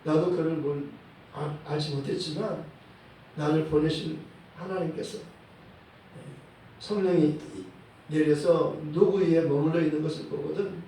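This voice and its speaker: A male pastor preaching a sermon in a church, in a measured way, often dropping a short "yes" between phrases and quoting verses. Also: fairly high pitch, fairly even intonation, warm tone, a little hiss or hum. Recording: echoey hall, voice from a distant mic.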